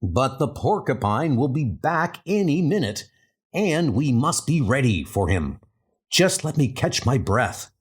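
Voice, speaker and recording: A man playing a brisk, bossy scientist superhero, earnest and a little patronizing, in a comic dub. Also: mid-range voice, big pitch swings, breathy edge. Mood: urgent, commanding. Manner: earnest, commanding.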